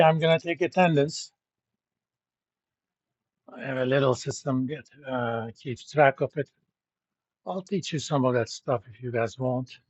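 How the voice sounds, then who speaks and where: A man's voice: mid-range voice, no room sound, highs cut off. A middle-aged man from Turkey who teaches at a university, lecturing his class in a blunt, joking, informal way. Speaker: university professor.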